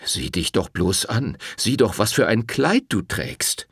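A man voicing an uneasy village priest in an audiobook reading, speaking slowly and hesitantly in a soothing, sighing manner. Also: on the low side, sing-song, breathy edge, no echo, studio quality, heavily acted. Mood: placating.

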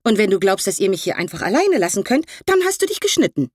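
A woman's voice: mid-range voice, very animated, fast talker, no echo, studio quality, pitched above the performer's own voice. A woman voicing a feisty, stubborn old aunt who answers in snappy, indignant retorts.

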